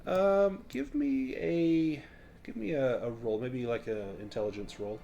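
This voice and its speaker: A man's voice: medium pitch, measured pace, gravelly, mellow, dull audio. A man running a tabletop game, narrating casually and explaining rules as game master. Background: music.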